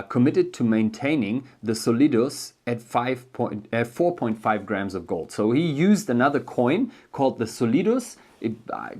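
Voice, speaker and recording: A German-accented man talks through economic history in a relaxed, unscripted explainer. His speech is full of ums and self-corrections as he works out each thought. His voice sits at an ordinary middle pitch for a man. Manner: thinking aloud, many ums and restarts. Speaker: educational video host. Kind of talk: casual spoken book explainer.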